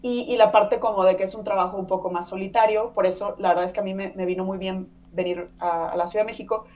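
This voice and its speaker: As a guest on a podcast, a Spanish-speaking Mexican woman in her thirties talks in a chatty, casual interview full of fillers and tag questions. She has a medium pitch, steady tone, and a darkish quality, speaking at a quick pace. The mic is set at a distance.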